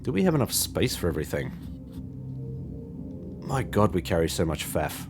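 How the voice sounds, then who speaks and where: A man's voice: low voice, sing-song, moderate pace, music in the background. A man giving casual, chatty video game commentary, talking wryly to himself and his viewers as he plays. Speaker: video game longplay host.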